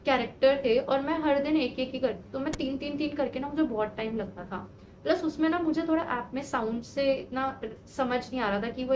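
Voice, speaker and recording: A woman's voice: high voice, a little hiss or hum, low-quality recording. A woman in her twenties chatting casually for a vlog, self-mocking and exasperated as she talks through her struggles. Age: 20s. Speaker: vlogger, language learner. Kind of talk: casual talking-head vlog.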